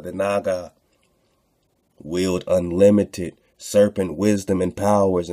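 Speaking in a low, warm voice, a man hosts online radio, reading texts aloud and offering casual commentary. He addresses his listeners in slang and repeats phrases for emphasis.

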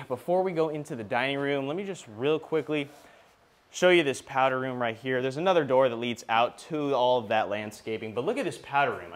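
Speaking in a mid-range voice, a man acting as a real estate agent hosts a casual walk-through property tour. His delivery is enthusiastic, informal, and salesy.

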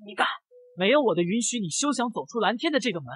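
A haughty rich young woman with a sharp, sneering tongue, put on by a man narrating a comic recap. The voice sits high and swoops wildly between words, a little breathy, and the recording is dry and close. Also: big pitch swings, quick pace, no room sound, full character voice. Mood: shrill, furious.

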